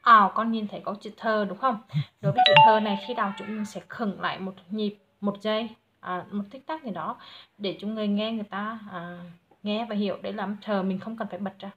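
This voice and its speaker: A woman with a Vietnamese accent giving patient recorded pronunciation feedback to a child, sounding out English words slowly and loudly. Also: medium pitch, muffled recording, background noise. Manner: patient, models each word slowly and loudly.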